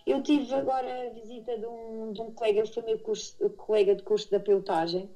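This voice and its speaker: A middle-aged Madeiran woman with a Portuguese accent, an aviation instructor living abroad, answers interview questions in a casual, conversational way, self-correcting as she narrates. Her voice is a little high and mellow, with fairly even intonation and a fairly quick pace, on a low-quality recording.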